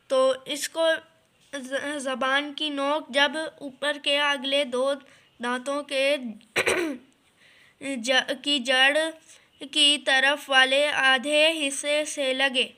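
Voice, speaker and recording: Slow, bright-voiced woman teaching recitation. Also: high voice, level tone. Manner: patient, repeats each letter and explains pronunciation. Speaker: Quran reading teacher. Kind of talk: slow step-by-step recitation lesson.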